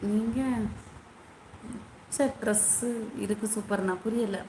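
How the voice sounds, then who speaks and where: A woman hosting a casual live stream, talking straight to her viewers and greeting each one by name. Her voice sits at a middle pitch. The room has a noticeable echo, and a faint background hum runs underneath. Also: fairly even intonation, takes it slowly, dark tone.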